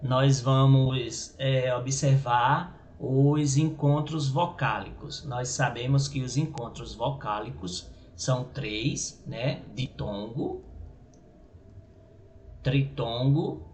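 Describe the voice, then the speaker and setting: Slow, halting male teacher in an echoey room. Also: mid-range voice, darkish tone. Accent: Brazilian Portuguese. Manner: halting, repeats words, checks with "certo?" and "né?". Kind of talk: grammar lesson. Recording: echoey room with faint noise.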